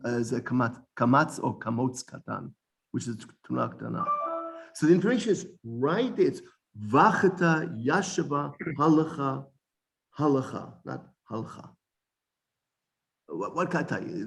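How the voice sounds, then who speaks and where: A man teaching an informal Bible study lesson, animated, often repeating words and restarting sentences. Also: mid-range voice, vocal fry.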